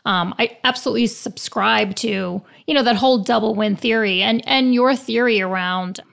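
A woman with a New York accent hosting a casual interview, chatty and quick to laugh at herself. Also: a little high, vocal fry, a bit bright.

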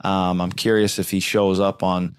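A man's voice: low voice, little pitch movement, moderate pace, clear, resonant tone, no room sound, clean studio sound. A man hosting a casual sports talk show, rambling loosely with lots of fillers and restarts.

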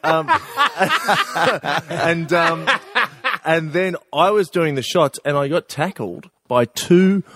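A man's voice: on the high side, big pitch swings, slow pace, pauses often, a crowd in the background. A man, a guest, telling a rambling anecdote with laughs in a casual studio chat. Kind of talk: casual storytelling.

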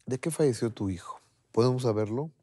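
A man's voice: mid-range voice, brisk, dark tone. A man with a Mexican accent asking personal questions as an interviewer in a conversational style. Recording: music playing under the voice.

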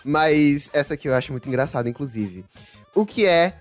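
A man from Salvador speaks with a Bahian accent, running a playful quiz with friends. His voice sits fairly high for a man, and he laughs easily between questions. Soft music plays faintly behind him. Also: expressive, brisk. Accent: Bahian Portuguese. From Salvador, Bahia, Brazil. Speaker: quiz host. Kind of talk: casual game chat.

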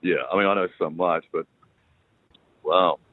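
A man's voice: low voice, steady tone, unhurried. A man with a New Zealand accent chatting casually and hesitantly on a mobile phone while out catching a bus. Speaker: radio broadcaster on a phone call. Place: on the phone at a bus stop, then on a bus. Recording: narrow, tinny phone line.

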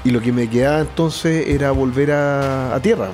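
Chilean man recounting, halting phrases. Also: medium pitch, darkish tone, soft background music. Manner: halting, restarts mid-phrase. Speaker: interviewee. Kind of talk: personal testimony.

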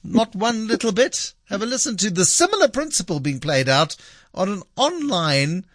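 Male radio host, lively higher-pitched delivery, emphatic repetition, dry studio sound. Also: normal speed, dry recording. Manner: emphatic, repeats phrases for effect. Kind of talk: conversational radio commentary.

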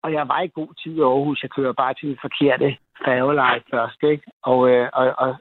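A man's voice: medium pitch, little pitch movement, no room sound. Agitated man on a tinny phone line. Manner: agitated, rambling, many restarts and fillers. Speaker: caller. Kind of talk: telling a personal story on a radio call-in.

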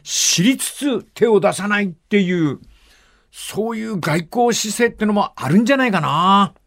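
Older man, animated radio storyteller. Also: sits high, moderate pace. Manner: lively storytelling, acting out dialect dialogue. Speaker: radio host. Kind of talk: radio talk, reading and discussing listener letters.

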